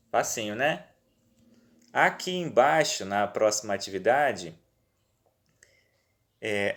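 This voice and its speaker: A man with a Brazilian Portuguese accent and a medium-pitched voice teaches a remote lesson, walking pupils through worksheet exercises. He is patient and reassuring, checking in frequently, and it was recorded on a phone at home.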